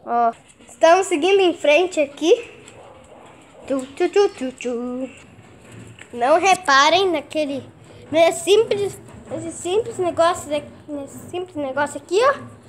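Excitable woman vlogging at home. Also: very high-pitched, slow pace, long pauses, a little hiss or hum. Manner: excitable, shouting at pets, swearing casually. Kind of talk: casual home vlog.

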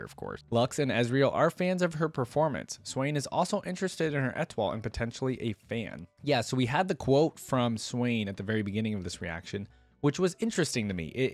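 Here the host sounds casual and thoughtful, his pitch lively as he thinks out loud and throws questions to the audience while reacting to game voice lines. The recording from his home desk has no echo, with the desk microphone right near his mouth.

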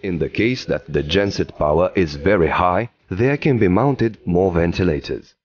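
A man giving scripted documentary narration in an even, explanatory delivery, recorded as a studio voice-over. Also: low-pitched, normal speed, highs cut off.

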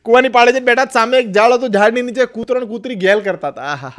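A man's voice: extremely high pitch, quick pace. A man with a Gujarati accent telling jokes as a stand-up comedian, acting out the people in his stories. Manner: animated storyteller acting out quoted voices.

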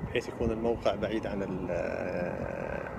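A man's voice: sits low, huge pitch swings, a little fast, vocal fry. Man vlogging outdoors over noisy background. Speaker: cycling vlogger. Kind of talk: casual reflective vlog narration. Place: outdoors along open roads and desert at night and dawn. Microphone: phone at arm's length. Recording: noisy outdoor phone recording.

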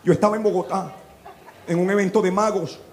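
A Venezuelan man doing stand-up comedy, telling a crude story in an animated way and acting out the people in it. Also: high-pitched, brisk, a little hiss or hum. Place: live comedy venue with audience.

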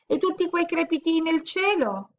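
A woman's voice: very high-pitched, animated, normal speed, voice pushed up. A woman voicing an impatient, easily bored little girl who whines and demands. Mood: curious. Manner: whiny and demanding.

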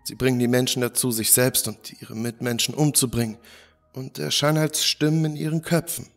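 A man voicing an excited, horrified male medic who explains things urgently in a spoken horror story. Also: medium pitch, a little fast, faint music behind, lightly acted.

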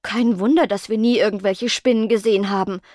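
A woman voicing an impatient, excitable steam-powered robot teenage girl. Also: mid-range voice, fairly quick, no echo, clean studio sound, voice pushed up, close to an everyday voice.

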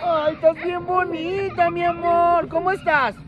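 A man with a Mexican accent working as a party clown in the street, loud and teasing, often shouting jokes at people around him. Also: very high-pitched, level tone, a little slow, heavy background noise. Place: outdoors on a busy street. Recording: dull street recording with a loud crowd.

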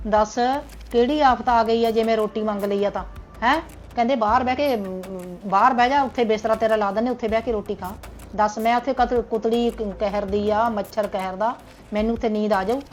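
A woman's voice: fairly high pitch, fairly even intonation, a little fast, darkish tone, faint music behind, lightly acted. A woman with a Punjabi accent playing an elderly mother who complains about her son and daughter-in-law. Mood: arguing. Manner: complaining, self-pitying. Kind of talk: family drama acting.

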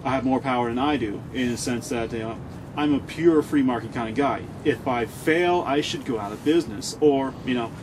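A man visiting a protest camp who talks quickly and rambles, restarting his sentences as he explains his views. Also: medium pitch. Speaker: visiting interviewer. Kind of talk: casual conversation. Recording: outdoor noise behind.

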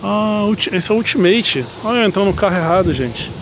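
Higher-pitched Brazilian man vlogging, noisy surroundings. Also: animated, fast. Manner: informal, thinking aloud while he works. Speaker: car reviewer. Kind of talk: casual car vlog. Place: in and around parked cars at an outdoor lot. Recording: clear car and outdoor ambient noise.

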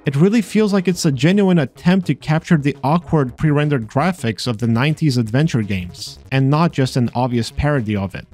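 A man's voice: medium pitch, expressive, brisk, few pauses, darkish tone. A man narrating a scripted voice-over about a video game, with dry, sarcastic asides. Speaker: video host exploring games. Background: faint game music.

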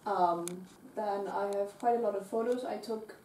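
A young woman from Austria answering interview questions in a small dorm bedroom, calm and reflective. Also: medium pitch, moderate pace, a little hiss or hum. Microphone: far camera. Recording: roomy, distant camera sound.

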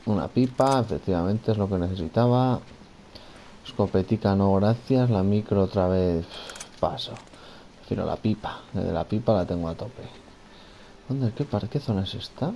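Gravelly man from commenting a game. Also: lowish voice, normal speed, warm tone, slight background noise. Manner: talks to himself and the character, repeats phrases, swears at enemies. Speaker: gamer playing a video game. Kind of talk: casual let's-play commentary.

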